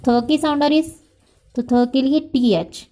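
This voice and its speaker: A woman with an Indian accent teaching a spelling dictation lesson to young children, spelling out letters and sounds slowly and switching between Hindi and English. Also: high-pitched, steady tone, warm tone. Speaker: kindergarten teacher.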